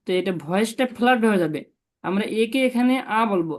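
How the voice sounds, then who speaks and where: Over a video call, a Chinese language tutor gives a one-on-one online lesson on tones, patiently repeating syllables for her student. Her voice is medium in pitch and darkish in tone, and she speaks quickly and with animation.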